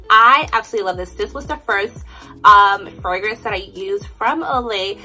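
At home in a room indoors, a vlogger in her twenties chats casually through a shopping haul, upbeat and full of ums and likes. Her voice is on the high side, pushed and bright, and the recording is rough.

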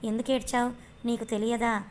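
Cast a woman as a calm, tender middle-aged father, soothing and warm in manner. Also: on the high side, brisk, a little hiss or hum, lightly acted.

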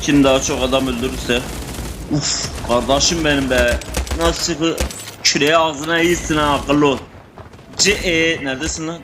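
A young man commenting casually on his shooter gameplay, excitable and swearing, talking to his teammates and enemies. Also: a little high, normal speed, background noise. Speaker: gamer playing a shooter. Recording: game gunfire under the voice. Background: gunfire and game sound effects.

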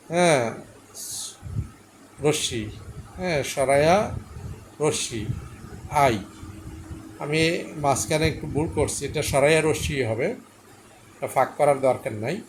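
In a patient English pronunciation lesson, a man with a slightly high voice slowly spells out each letter and sound and repeats every word. A faint hiss runs beneath the recording.

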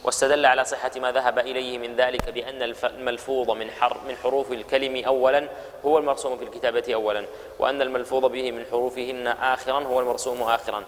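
A man reading a classical text aloud to the class in a steady, unbroken stream. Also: medium pitch, racing. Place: mosque lesson hall. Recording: long hall reverb.

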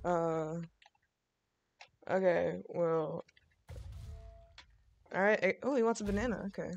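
A woman's voice: on the low side, slow pace, creaky, dull audio. A woman hosting a gaming video, chatting casually while running a game restaurant, with lots of fillers and laughter. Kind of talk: casual gameplay chat.

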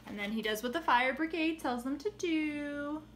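A young woman who sells children's books shows them off casually, chatting and playfully reading lines aloud. Her voice sits high at a moderate pace, with background noise and a roomy echo in the recording.

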